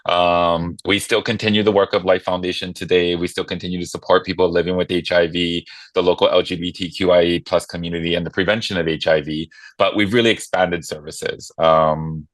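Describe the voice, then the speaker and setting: A man's voice: sits low, little pitch movement, brisk, hardly any pauses, fairly bright tone, dry recording. A man from Hawaii in his thirties or forties, a guest telling his story in a friendly, self-deprecating way with many fillers. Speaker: guest, nonprofit marketing director. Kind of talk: casual interview chat.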